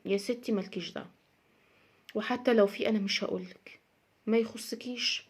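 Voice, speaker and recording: A woman's voice: medium pitch, steady tone, a little fast, husky. A young adult woman with an Egyptian accent giving casual advice in a monologue, speaking emphatically and repeating her points. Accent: Egyptian Arabic. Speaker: social media advice speaker.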